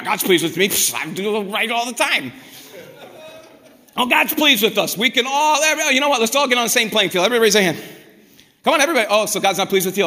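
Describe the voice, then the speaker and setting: A man preaching a sermon in a lively, conversational way, often acting out people's prayers and complaints. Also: high-pitched. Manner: animated, conversational, acts out quoted prayers. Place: church hall. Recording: reverberant hall.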